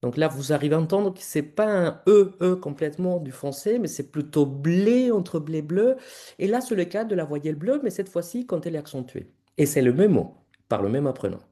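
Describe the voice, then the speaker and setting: A man's voice: a little high, animated, brisk, warm tone. A male researcher giving an academic conference presentation, explaining his slides step by step and talking directly to the audience.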